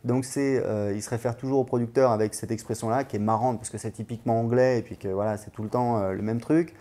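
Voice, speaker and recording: Mellow-voiced man rambling in a vlog. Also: medium pitch, steady tone, fast. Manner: rambling, full of hesitations and fillers; enthusiastic, recommending. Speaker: language-learning channel host. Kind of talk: casual vlog talk.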